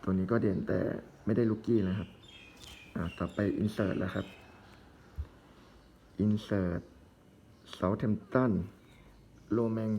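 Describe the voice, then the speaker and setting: A man with a fairly low voice opens trading card packs on camera. He calls out each player's name in quick, short bursts and drops easygoing, chatty asides in between, like a relaxed hobby commentator. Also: creaky, a little hiss or hum. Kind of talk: casual commentary while opening card packs.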